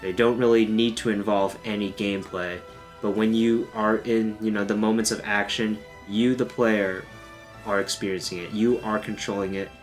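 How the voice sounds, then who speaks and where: A man with a fairly low, flat-pitched voice hosts a gaming video channel, speaking at a moderate pace over soft background music. His delivery is informal, joking and self-deprecating, like a casual video essay.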